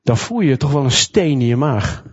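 A man preaching a sermon, retelling a Bible story in a lively storytelling manner and acting out the quotes. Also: mid-range voice, moderate pace, breathy edge. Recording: dull lo-fi recording.

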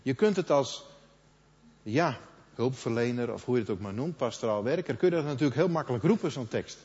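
A middle-aged man preaching a sermon in a conversational manner, quoting others in lively asides. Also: mid-range voice, a little fast. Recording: dull sound with long hall reverb.

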